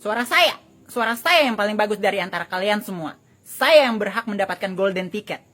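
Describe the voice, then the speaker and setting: A woman's voice: medium pitch, animated, fairly quick, a bit bright. A woman performing a comedy sketch, switching between exaggerated bickering characters. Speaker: comedic sketch creator playing many characters.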